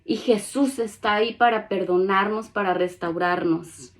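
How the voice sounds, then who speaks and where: Woman preaching, earnest, reads scripture out loud and acts out the pleas, mid pitch. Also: a little slow. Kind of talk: sermon with Bible reading.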